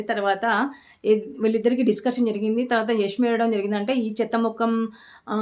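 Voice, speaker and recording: A woman's voice: fairly high pitch, darkish tone. A woman, chatting casually and with strong opinions as she recaps a reality show for her vlog. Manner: chatty, opinionated, frequent restarts and fillers.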